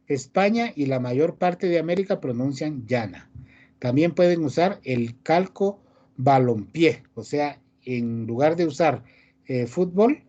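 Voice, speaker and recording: Mellow-voiced male teacher, muffled lo-fi recording. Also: fairly high pitch. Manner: reads rules aloud and explains, ending phrases with frequent tag questions. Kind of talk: online class lecture.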